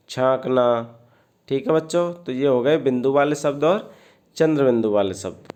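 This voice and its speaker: A man teaching young children a language worksheet, slowly and patiently, asking questions and answering them himself. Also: medium pitch, a little mellow.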